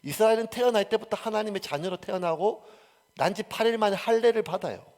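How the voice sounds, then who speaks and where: A male pastor from South Korea, preaching a sermon that swings from loud emphasis to near-whispered asides. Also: high-pitched, quick pace.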